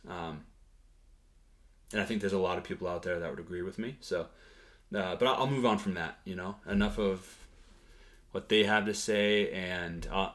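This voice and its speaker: Thinking aloud, a man with a low, deep voice talks casually to camera about how his language learning is going. Pauses get filled with "um" and "like," and he frequently restarts what he's saying.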